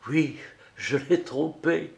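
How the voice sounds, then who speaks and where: A man voicing a wife who answers softly and hesitantly, murmuring her confession. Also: fairly high pitch, huge pitch swings, slow pace, pitched above the performer's own voice, exaggerated voice. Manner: soft, breathy, hesitant answers. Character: giggling wife hiding under the sheets.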